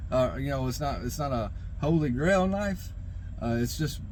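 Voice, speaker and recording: A man's voice: medium pitch, expressive, moderate pace, darkish tone, a little hiss or hum. A man delivering an unscripted, exasperated rant full of swearing, rambling and stammering over repeated phrases as he goes. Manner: exasperated, rambling, profanity-laden ranting. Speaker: knife review vlogger. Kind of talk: unscripted opinion rant to camera.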